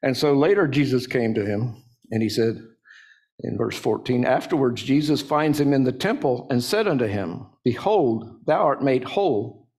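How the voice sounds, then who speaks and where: A man preaching a sermon in a casual, conversational way, with frequent restarts and folksy asides, and with sudden high-pitched jumps when he acts out quoted lines. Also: animated, moderate pace, darkish tone. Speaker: pastor.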